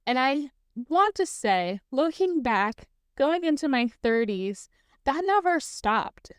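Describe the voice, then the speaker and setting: Speaking slowly in a high, sing-song voice, a woman of about thirty hosts her own podcast and tells stories on her own in a relaxed, chatty manner. She laughs easily and sprinkles in plenty of "like" and "um," and the studio sound is clean with no echo.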